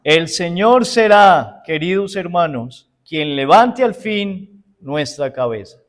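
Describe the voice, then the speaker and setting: A man's voice: high-pitched, lively intonation, slow. A man preaching a sermon as pastor with a Uruguayan Spanish accent. He preaches emphatically, often asks his congregation rhetorical questions and answers them himself, and keeps calling them brothers and sisters. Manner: addresses listeners as brothers and sisters.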